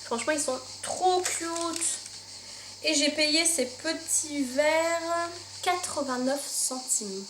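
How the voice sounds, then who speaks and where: A woman chatting casually in a haul vlog, gushing over her purchases, filled with fillers, recorded at home with windows open. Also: high-pitched. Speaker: vlogger showing her shopping haul. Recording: roomy home room, faint insect noise. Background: insects outside.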